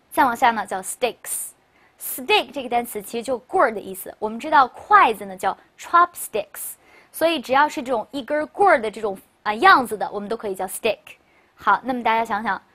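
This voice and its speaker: Female language teacher, slightly high pitch, brisk drill-leading delivery with rhetorical questions. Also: a bit bright. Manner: brisk, leads repeat-after-me word drills; chatty, asks rhetorical questions. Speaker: English teacher. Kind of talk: recorded classroom lecture.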